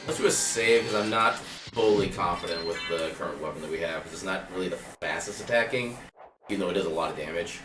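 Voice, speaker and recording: A man's voice: low-pitched, quick pace. A man streaming a video game, commenting in a wry, chatty, self-deprecating way. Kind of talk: casual gaming commentary. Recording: roomy, distant mic with game music.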